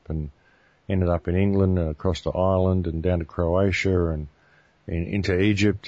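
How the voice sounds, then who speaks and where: Aussie guy, really low voice, chatty guest rambling on, dull dry recording. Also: no echo. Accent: Australian. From Australia. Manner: relaxed storytelling with restarts. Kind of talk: casual interview talk.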